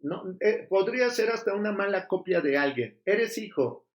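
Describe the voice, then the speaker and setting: A man's voice: high voice, expressive, normal speed, echoey room, muffled recording. A man preaching a sermon as pastor, emphatic and full of rhetorical questions.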